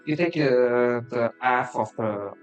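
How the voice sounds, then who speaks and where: Male game master, slow hesitant narration, mid pitch. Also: muffled recording, faint music behind. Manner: hesitant, many fillers and self-corrections.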